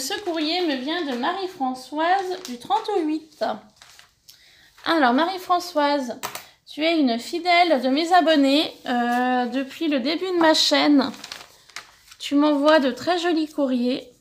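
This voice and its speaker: Opening fan mail for her scrapbooking channel, a middle-aged woman from France chats warmly and thanks the senders, sometimes tripping over her words. She has a high voice, and the casual vlog carries a little hiss or hum.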